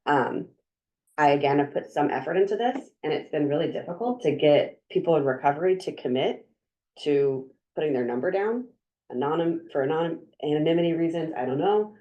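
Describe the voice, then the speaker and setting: Low-voiced chatty woman leading a meeting. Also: lively intonation, fairly quick, muffled recording. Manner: chatty, upbeat, many fillers and restarts. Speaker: drug council coordinator leading a meeting. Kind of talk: meeting presentation.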